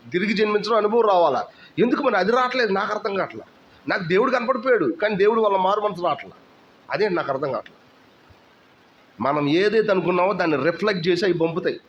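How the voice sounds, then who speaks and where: Male pastor, conversational sermon delivery, muffled lo-fi recording. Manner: conversational preaching with rhetorical questions. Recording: dull low-fidelity recording with faint noise.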